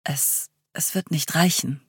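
A reader voicing a thoughtful, troubled young woman in a storybook reading. She speaks in a low, halting way, close and dry. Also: fairly bright tone, husky, no room sound, exaggerated voice. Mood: brooding. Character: brooding young woman Sarah, hearing a harsh inner voice.

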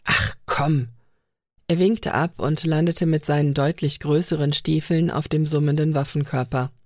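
A woman narrating an audiobook in steady, even storytelling. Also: low-pitched, normal speed, no echo, studio quality.

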